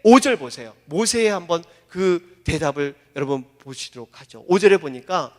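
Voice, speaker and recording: A man's voice: a little high, animated, normal speed, big-room sound. A man preaching a sermon as pastor in a church, impassioned and acting out quoted lines. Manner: impassioned, voicing Moses and God in quoted lines. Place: church sanctuary.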